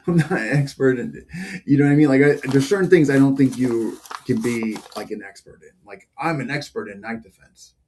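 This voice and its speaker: A man's voice: mid-range voice, fairly quick, few pauses, mellow, slight background noise. A man hosting a podcast in casual chat, talking loosely with many fillers and frequent laughs. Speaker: podcast host.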